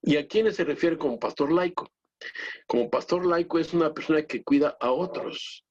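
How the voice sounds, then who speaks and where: Male lay preacher, husky voice, halting earnest delivery, muffled lo-fi recording. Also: fairly high pitch. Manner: earnest, halting with many restarts, addresses the brethren directly. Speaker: lay pastor. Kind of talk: church teaching talk. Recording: dull lo-fi recording.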